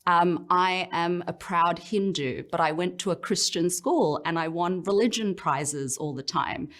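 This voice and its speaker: Woman, Australian accent, fairly low voice, reflective, personal, speaker sharing her own story. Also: measured pace, a bit bright. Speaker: professional speaker. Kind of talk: personal motivational talk.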